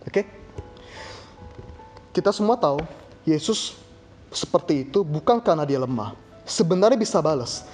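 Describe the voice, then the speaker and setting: A man's voice: on the high side, darkish tone. A young man preaching a sermon in an easygoing, chatty way, full of rhetorical questions and slang.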